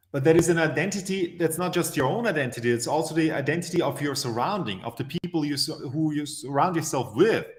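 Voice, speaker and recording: A man from Austria, answering as an interview guest and telling stories emphatically with measured pauses. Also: fairly high pitch.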